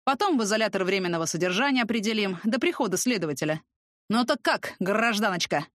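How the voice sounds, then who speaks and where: A woman reading an audiobook, voicing a gruff, bossy middle-aged police officer who barks orders and lectures. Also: mid-range voice, animated, fast, a bit bright, dry recording, studio quality, lightly acted. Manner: barking, commanding, fatherly lecturing. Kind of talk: audiobook character voice.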